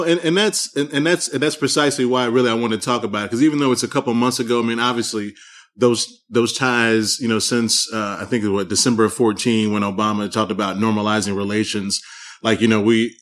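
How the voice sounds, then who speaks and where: A male podcast host with a mid-pitched voice speaks in a casual way. He stammers and repeats words as he works toward his questions. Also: fairly even intonation, a little fast. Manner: stammering, repeats words while thinking aloud. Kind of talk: casual interview conversation.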